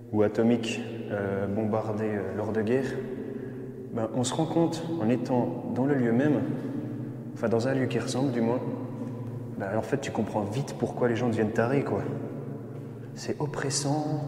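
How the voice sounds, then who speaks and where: A man's voice: mid-range voice, warm tone. Man's voice drowned in cathedral echo. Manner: nervous, joking, talking to viewers. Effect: cathedral-like echo from the concrete rooms. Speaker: urban explorer filming a video. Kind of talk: vlog narration while exploring. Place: underground bunker in a forest. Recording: echoey underground bunker, long reverb, faint ambience.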